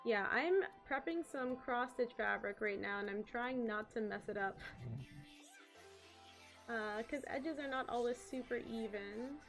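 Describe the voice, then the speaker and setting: A woman's voice: on the high side, measured pace, soft background music. A woman streamer chatting casually as she works on a craft. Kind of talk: casual chat while crafting.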